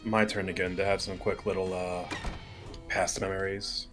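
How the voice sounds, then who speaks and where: Low-voiced man playing his character. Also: level tone, moderate pace, fairly bright tone, soft background music. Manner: casual, speaks in character with swearing. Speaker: player. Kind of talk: tabletop role-play chat.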